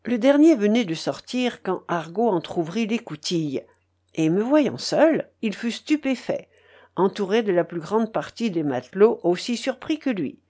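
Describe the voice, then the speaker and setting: A woman reading a story aloud as an audiobook narrator, in a measured, dramatic way. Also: medium pitch, animated, warm tone.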